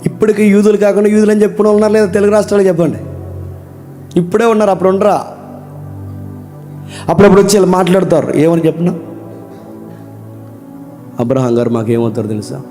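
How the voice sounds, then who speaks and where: A man preaching a sermon, asking rhetorical questions and calling on his listeners to answer, moving between loud emphatic lines and quiet low ones. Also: steady tone, quick pace, pauses often, faint music behind. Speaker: pastor.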